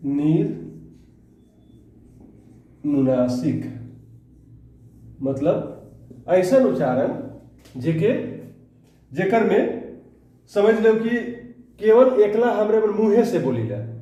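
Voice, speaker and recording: A man teaches a grammar lesson, his high, mellow voice rising and falling widely. He speaks unhurriedly, repeating terms and checking in with the class. He sounds distant, recorded in a very echoey room. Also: sing-song. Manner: slow and repetitive, often checking in with the class. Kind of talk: exam-prep grammar lesson. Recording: very echoey room, mic far away.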